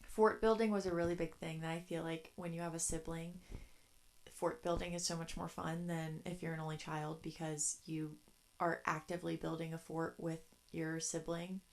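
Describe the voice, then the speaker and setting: A woman's voice: low voice, flat delivery, normal speed. A young woman in her twenties, hosting a solo podcast from her bedroom and telling childhood stories in a chatty, rambling way. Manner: chatty, rambling, laughs between thoughts. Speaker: podcast host. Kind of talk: casual solo podcast storytelling.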